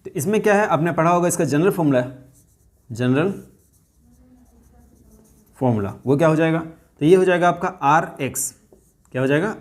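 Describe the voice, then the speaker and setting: A man teaching a chemistry lesson, asking his students questions and slowly repeating key terms. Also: on the high side.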